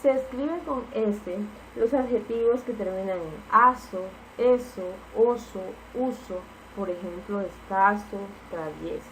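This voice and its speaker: A woman teacher walks through spelling rules with example words in a patient, explanatory way. Her voice sits at a middle pitch. A faint hum of background noise sits under her. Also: takes it slowly, hardly any pauses, rough recording. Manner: patient, explanatory, repeats key points with "entonces".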